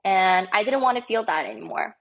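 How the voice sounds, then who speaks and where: A woman's voice: medium pitch, very animated, a little fast, lo-fi sound. Chatty young woman telling her story. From United States. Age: 20s. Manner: warm, chatty with many fillers. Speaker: podcast guest. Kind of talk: interview storytelling.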